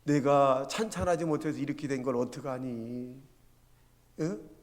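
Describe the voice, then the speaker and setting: A man's voice: medium pitch, steady tone, unhurried, long reverb tail, natural voice. A man voicing a frustrated mother who nags her child with reproachful questions. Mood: nagging.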